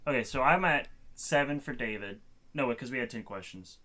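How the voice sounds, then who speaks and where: A man's voice: mid-range voice, fairly quick, bright, forceful tone. A man in his twenties co-hosting a casual podcast with friends, rambling, restarting sentences and laughing often. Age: 20s. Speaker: podcast co-host. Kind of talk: casual chat among friends.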